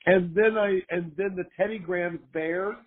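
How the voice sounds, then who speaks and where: An older man, hoarse from a cold, chatting casually as an interview guest and rambling with lots of fillers. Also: sits high, steady tone, normal speed. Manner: rambling, full of fillers and restarts. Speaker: guest, former costume maker. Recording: tinny phone-line sound.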